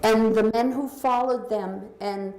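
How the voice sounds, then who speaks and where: A woman's voice: on the high side, steady tone, measured pace. A woman giving a slide talk about her book, her voice echoing through a hall's sound system as she explains pictures one by one. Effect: big hall echo through a loudspeaker. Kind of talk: lecture presentation. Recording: echoey hall with faint noise.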